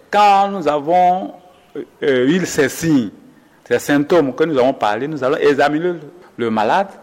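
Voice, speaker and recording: A mid-range male voice with a long reverb tail belongs to a doctor being interviewed. He explains symptoms patiently and in a measured manner, frequently starting over and correcting what he just said.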